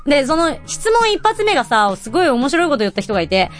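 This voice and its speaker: A woman hosting a radio show, telling stories in a bubbly, chatty way and acting out quoted voices with high squeals. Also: very animated, fast, faint music behind. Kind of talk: casual chatty storytelling.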